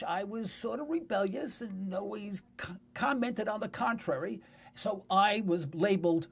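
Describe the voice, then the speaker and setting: Speaking in a high, slightly rough voice, this man in his sixties hosts talk radio, his New York accent carrying a conversational storytelling monologue full of emphatic phrasing. He's from New York City.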